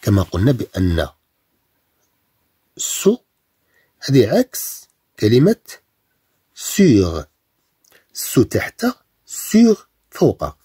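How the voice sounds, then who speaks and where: A man from Morocco with a Moroccan Arabic accent teaching beginner French, saying the French examples slowly and drawn out, then explaining them in Arabic. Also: on the low side, dark tone, slightly rough, no room sound, studio quality. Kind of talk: bilingual French lesson for beginners.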